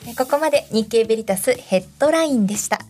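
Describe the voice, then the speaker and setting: A woman's voice: fairly high pitch, lively intonation, fast talker, a little mellow. A woman hosting a radio programme, presenting segments and responding conversationally. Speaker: host. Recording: faint music behind. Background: music.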